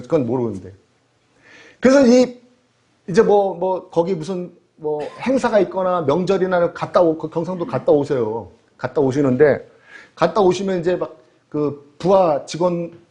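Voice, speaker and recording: A man's voice: on the high side, darkish tone. A man preaching a sermon as pastor, telling stories animatedly and throwing rhetorical questions to the congregation.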